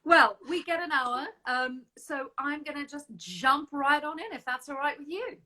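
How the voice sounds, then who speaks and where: Bright-voiced woman hosting an interview. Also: sits high, expressive, moderate pace. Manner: warm, chatty, laughs often. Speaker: interview host. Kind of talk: casual interview chat.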